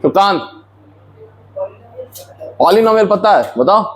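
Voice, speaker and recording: A man's voice: high-pitched, expressive, slow. A man teaching engineering in a classroom, explaining step by step, quizzing his students and mixing in English technical terms. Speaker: engineering lecturer. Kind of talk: classroom lecture.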